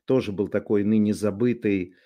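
A man giving an unscripted monologue commentary, sardonic and halting, with many drawn-out filler sounds. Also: on the low side, steady tone, mellow.

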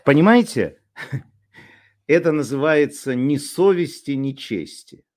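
A man delivers an off-the-cuff commentary at a slow, deliberate pace. His voice sits at a middling pitch, and his talk is sardonic, broken up by drawn-out filler sounds as he gathers his thoughts. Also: lively intonation, a little mellow. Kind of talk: unscripted monologue commentary.

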